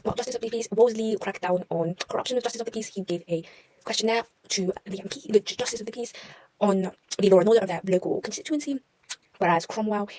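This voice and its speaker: A woman's voice: mid-range voice, a little mellow, a little hiss or hum, rough recording. A young woman talking through her history revision notes in a casual, chatty way, often correcting herself and making wry asides. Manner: chatty, self-mocking, trails off and corrects herself.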